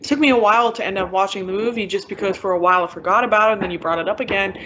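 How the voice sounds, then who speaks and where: A woman's voice: mid-range voice, highs cut off, background noise. A young woman in her twenties from Brazil, a college student talking candidly and bluntly in a casual film discussion. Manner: candid, blunt, quick to laugh at herself.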